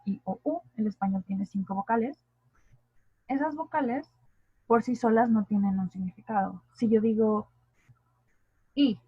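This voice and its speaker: A woman with a Mexican Spanish accent teaches linguistics in an online lesson, pausing to put rhetorical questions to her students. Her voice is husky and slightly breathy. The sound is dry and narrow, like a phone line. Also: on the high side, no echo. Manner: explanatory, asks the class rhetorical questions. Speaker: linguistics tutor. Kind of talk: online lecture.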